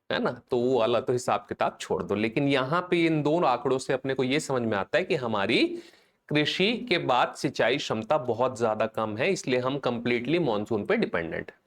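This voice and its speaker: A man's voice: medium pitch, animated. Guy teaching an exam class, chatty, keeps asking if students got it. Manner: call-and-response drilling, chanting mnemonics slowly; conversational, checks in with students often. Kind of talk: live online class lecture.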